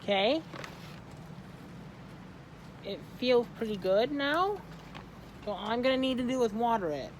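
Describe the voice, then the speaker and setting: An eighteen-year-old from Michigan hosting a casual how-to vlog, often halting and correcting themselves mid-sentence. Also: mid-range voice, lively intonation, slight background noise, low-quality recording. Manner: halting, self-correcting, trailing off. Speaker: plant arrangement seller and video host.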